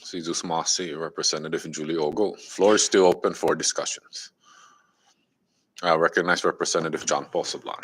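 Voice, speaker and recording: Very deep-voiced man chairing a session. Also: steady tone, normal speed, fairly bright tone, a little hiss or hum. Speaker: speaker of the house, chairing. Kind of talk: formal chairing of a legislative session.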